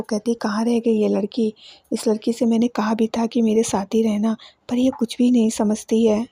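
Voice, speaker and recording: A woman's voice: fairly high pitch, warm tone, slightly rough, dry recording. A young woman hosting her own channel, casually retelling a TV serial episode by quoting each character's lines in turn. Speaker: YouTube channel host recapping TV serial episodes. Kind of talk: casual spoken recap in Hindi.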